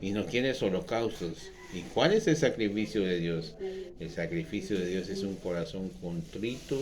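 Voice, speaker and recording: A man preaching a sermon as a pastor, swinging from loud, emphatic outbursts to quieter teaching. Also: lowish voice, slight background noise.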